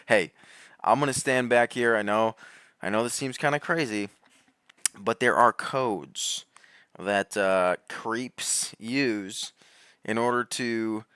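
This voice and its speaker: A man giving heated, rambling commentary, laughing often and swinging between loud outbursts and low muttering. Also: slow pace, smooth, no echo, studio quality. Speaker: commentary host. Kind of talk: animated conspiracy commentary.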